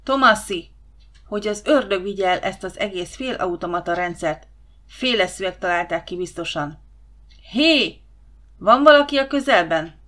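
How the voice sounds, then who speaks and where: A woman voicing an irritable older male boss who is near retirement and barks orders loudly at a guard. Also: on the low side, steady tone, close to an everyday voice. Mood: irritable shouting. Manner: loud, impatient, barking orders.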